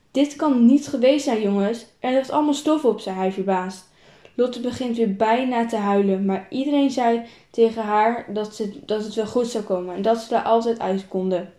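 A woman's voice: a little high, warm tone, roomy sound. A woman reading a self-written story aloud, plainly and with small repeats and restarts.

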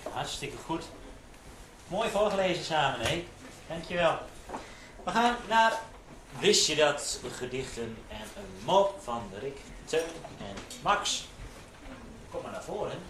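A man's voice: on the high side, very animated, slow pace, long pauses. Brief: encouraging male teacher in a classroom, bouncy intonation, echoey noisy room. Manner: encouraging, gives children short prompts. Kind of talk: leading a classroom.

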